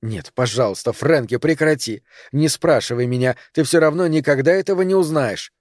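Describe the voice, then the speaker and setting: A man voicing a tired woman who speaks quietly and firmly as she ends a relationship. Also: on the high side, normal speed, no echo, clean studio sound, lightly acted. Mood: weary. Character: weary woman calmly ending a relationship.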